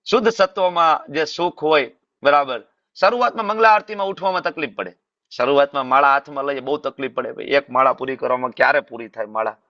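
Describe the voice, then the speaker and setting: A man with a Gujarati accent giving a sermon in a scripture class, animated, asking rhetorical questions and repeating phrases. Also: medium pitch, fairly quick, dry recording, highs cut off. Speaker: preacher.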